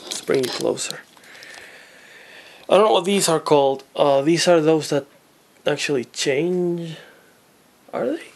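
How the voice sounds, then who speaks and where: A man's voice: fairly high pitch, a little slow, gravelly, pauses often, darkish tone, a little hiss or hum. A man vlogging a hardware teardown, rambling as he thinks aloud and often sounding amazed. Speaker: tech hobbyist vlogger. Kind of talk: unboxing and teardown narration.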